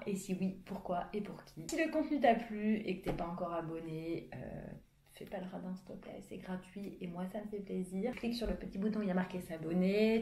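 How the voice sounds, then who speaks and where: A woman's voice: fairly low pitch, dark tone, slight background noise. A young woman vlogging in a frank, chatty way, talking casually with plenty of fillers. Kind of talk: casual explanatory vlog monologue. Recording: echoey room.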